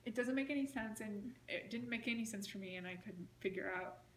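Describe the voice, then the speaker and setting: A woman's voice: mid-range voice, a little fast. Rambling woman interviewee in a roomy space. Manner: rambling, frequent "like" and "you know". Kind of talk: casual recounting in an interview. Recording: roomy with faint noise.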